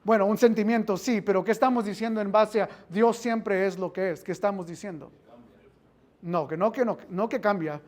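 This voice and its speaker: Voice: mid-range voice, normal speed, darkish tone. A Bible teacher giving an interactive class, quizzing the listeners, repeating phrases and dropping in English filler words.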